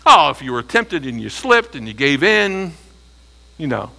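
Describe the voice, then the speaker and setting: Male preacher, slightly high voice, animated and emphatic sermon delivery. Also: unhurried, vocal fry. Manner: animated, rising to near shouting at emphatic points; rhetorical questions to the congregation.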